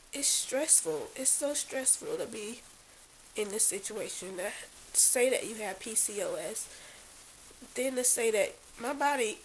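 A tearful woman who sounds like she has been crying talks in a drained, confessional way. Her voice sits a little high. There is a hiss over the close home camera recording made in a bedroom. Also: poor audio. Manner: drained, downcast, venting. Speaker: vlogger. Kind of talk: emotional confessional vlog. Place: small bedroom, lying in bed.

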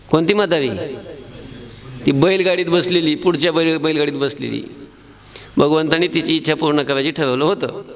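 A man preaching a devotional sermon, telling a story and acting out its characters' voices, closing with chanted refrains. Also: fairly high pitch. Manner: animated, acts out voices in the story. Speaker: Warkari preacher.

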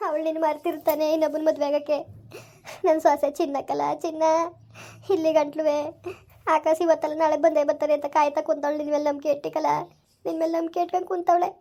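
A woman's voice: sits high, little pitch movement, quick pace, warm tone. A woman acting a village mother who pleads with and scolds her soldier son. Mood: pleading. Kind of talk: village family drama acting.

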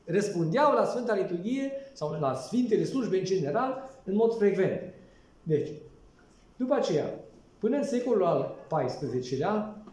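Man, priest, teaching tone, high voice, echoey room. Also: mellow, recorded from a distance. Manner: didactic, asks the listeners questions and reads psalms aloud. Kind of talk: explaining the liturgy to a congregation.

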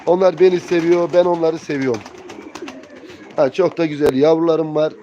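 A man's voice: a little high, steady tone, moderate pace, warm tone. A man chatting casually and colloquially as he hosts a live bird auction stream, addressing viewers familiarly. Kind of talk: casual livestream chat, greeting viewers and showing birds. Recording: muffled, noisy, cooing pigeons behind. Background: pigeons cooing, birds.

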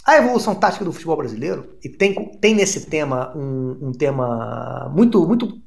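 Deadpan comic sports host, mock-formal tone, lively pitch, gravelly edge. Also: male voice, moderate pace. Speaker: comedy show host.

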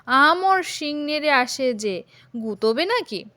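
A woman's voice: sits high, takes it slowly. A woman voicing a stern, scornful older male village priest in a Bengali audio story, speaking in a mocking, scolding way. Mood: angry.

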